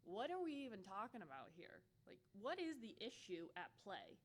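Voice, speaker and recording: A woman's voice: medium pitch, wildly swooping pitch, moderate pace. A woman giving a conference workshop talk, candid and humorous with playful asides. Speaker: workshop presenter.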